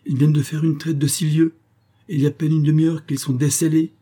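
A man's voice: mid-range voice, fairly even intonation, a little fast, a little mellow, voice pushed up, natural voice. A man voicing a startled male stable groom who protests and pleads. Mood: protesting.

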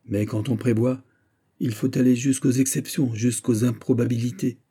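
A man's voice: mid-range voice, fairly even intonation, warm tone, breathy edge, lightly acted. A man reading as a grave fatherly nobleman. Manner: measured, solemn counsel. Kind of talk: audiobook character reading.

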